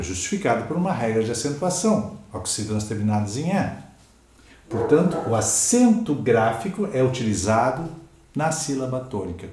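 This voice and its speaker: A man's voice: mid-range voice, warm tone, reverberant. A Brazilian man teaching Portuguese grammar in a recorded exam-prep lecture, stressing his example words and checking in with "ok?" and "certo?".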